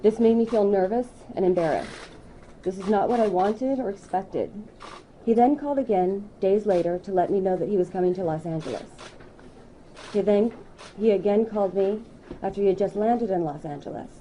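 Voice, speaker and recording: A woman in her thirties reading a prepared statement at a news conference, in a measured, deliberate way. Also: mid-range voice, mellow, slight background noise, low-quality recording.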